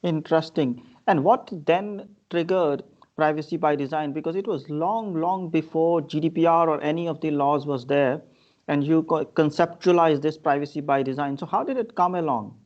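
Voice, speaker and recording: Male podcast host, curious interviewer, slightly high voice, lo-fi dull audio. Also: moderate pace, a little mellow. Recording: dull lo-fi sound.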